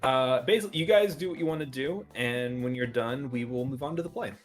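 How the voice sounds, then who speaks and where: A man narrating a tabletop role-playing game as game master, describing scenes in a relaxed way with frequent fillers. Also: medium pitch, a little fast, soft background music.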